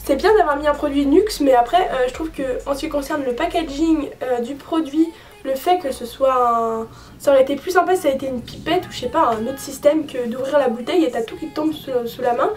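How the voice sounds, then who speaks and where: A young woman with a high, bright voice chats frankly through a beauty product review, filling pauses with hesitations. She sits a bit back from the microphone, and faint music plays underneath. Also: distant mic. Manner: chatty, frank, many fillers. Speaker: beauty vlogger.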